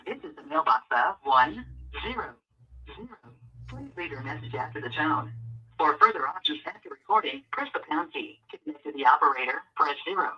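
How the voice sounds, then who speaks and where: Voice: mid-range voice, fairly quick, slightly rough. An automated voicemail system voice reading out mailbox instructions, heard over a landline phone call. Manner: flat, evenly spaced system phrasing. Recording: muffled, distant phone line audio.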